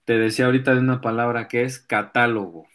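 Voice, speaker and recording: A male teacher giving a virtual class, explaining step by step, pausing to search for examples and often clearing his throat. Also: medium pitch, steady tone, a bit bright.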